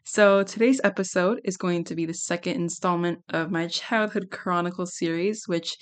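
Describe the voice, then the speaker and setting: A young adult woman hosting a casual solo podcast, giggly and rambling, with a slightly hoarse, worn-out voice. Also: lowish voice, steady tone, normal speed. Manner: giggly, rambling, self-deprecating. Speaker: podcast host.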